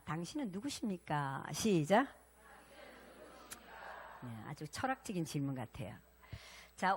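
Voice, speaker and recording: A woman pastor preaching a sermon, animated and interactive, prompting her congregation to respond. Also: fairly low pitch.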